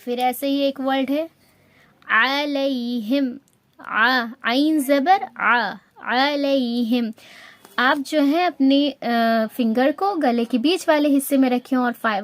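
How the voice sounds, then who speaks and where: High-voiced woman teaching Quran recitation. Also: no room sound. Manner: patient, explains step by step, mixes in English words. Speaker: tajweed teacher. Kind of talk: spoken Urdu lesson with slow recited examples.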